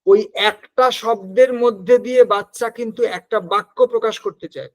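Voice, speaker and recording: A man's voice: sits high, fairly quick. A male teacher giving an exam-prep lecture, explaining step by step, dropping in English terms and checking that his students follow.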